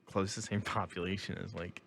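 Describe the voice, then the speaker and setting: A man's voice: low-pitched, level tone, quick pace, gravelly, fairly bright tone. Chatty young man who laughs a lot. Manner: laughs often, rambling storyteller. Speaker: co-host. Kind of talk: casual chat.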